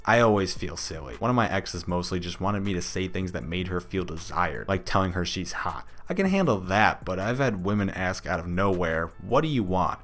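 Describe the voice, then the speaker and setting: A man's voice: deep voice, expressive, normal speed, few pauses, fairly bright tone, soft background music. A man reading out anonymous Reddit stories, adding joking asides and often breaking into laughter. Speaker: Reddit story narrator.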